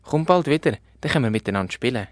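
A man's voice: medium pitch, animated, racing, no echo, studio quality, voice pushed up, close to an everyday voice. A man with a Swiss German accent voicing a small, friendly lost girl in a children's story, with a sweet, lilting child voice.

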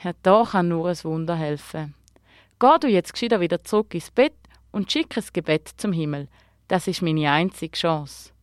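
A woman voicing a kindly, clumsy male guardian star who has fallen to earth, speaking gently and explaining patiently in a storybook tale. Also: fairly low pitch, moderate pace, smooth, no echo, studio quality, lightly acted. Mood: eager.

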